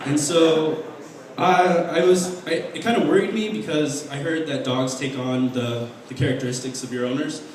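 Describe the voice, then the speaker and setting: A young man performing an open mic stand-up set, deadpan and halting, with restarts and fillers. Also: on the high side. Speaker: stand-up comedian. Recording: very echoey room heard from a distance.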